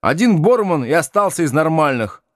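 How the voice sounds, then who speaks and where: A man's voice: on the high side, sing-song, moderate pace, dry recording, studio quality, pitched above the performer's own voice. Man doing a cocky teenage boy. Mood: blunt. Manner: proud, blunt.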